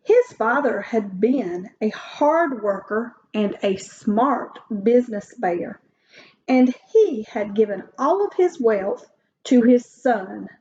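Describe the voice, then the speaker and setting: A woman reading a children's story aloud like a teacher, with deliberate, expressive phrasing. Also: a little high. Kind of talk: slow storybook read-aloud. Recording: dull lo-fi recording.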